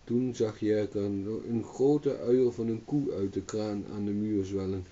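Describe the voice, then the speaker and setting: A man reading a fairy tale aloud as a storyteller, in calm steady narration, on a dull distant recording. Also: lowish voice, unhurried.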